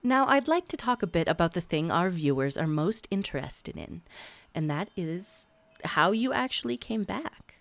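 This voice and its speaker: A woman's voice: on the low side, expressive, moderate pace, vocal fry, no echo. A woman playing a polite TV interviewer who grows exasperated. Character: professional TV interviewer.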